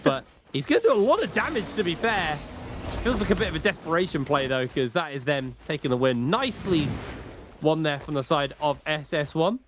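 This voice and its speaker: A man giving live esports commentary in a conversational, rambling play-by-play style. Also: on the high side. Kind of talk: live gaming commentary with casual chat.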